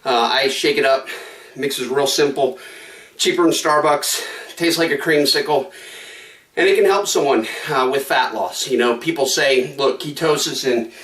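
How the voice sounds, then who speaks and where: A man talking casually in a quick, conversational way, slightly out of breath mid-workout in his home gym, repeating phrases for emphasis as he pitches a product. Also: fairly bright tone, reverberant, far from the mic. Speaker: product promoter. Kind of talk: casual sales pitch to camera.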